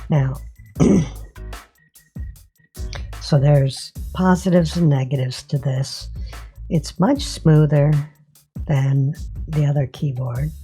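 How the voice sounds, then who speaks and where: Woman reviewer, voice-modulator filter, low and unhurried, halting filler-heavy delivery. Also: gravelly, mellow. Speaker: product reviewer. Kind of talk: casual product review.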